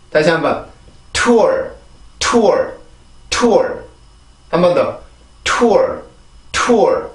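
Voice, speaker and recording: Male pronunciation teacher, high voice, patient drill style, roomy distant sound. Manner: patient, explains step by step, repeats example words in drills. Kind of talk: explanatory lesson with repeated drills.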